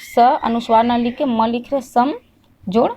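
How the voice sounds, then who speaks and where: A woman teaching a Hindi grammar lesson. She asks the class questions, answers them herself and repeats each point slowly. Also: fairly high pitch, steady tone, warm tone, a little hiss or hum.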